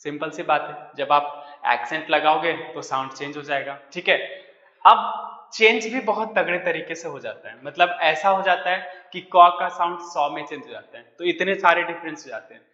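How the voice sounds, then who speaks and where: Bright-voiced man teaching in an echoey room. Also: on the high side, moderate pace. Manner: explains in Hindi mixed with English, with frequent check-ins. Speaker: French teacher. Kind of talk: online language lesson. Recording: echoey, roomy, muffled recording.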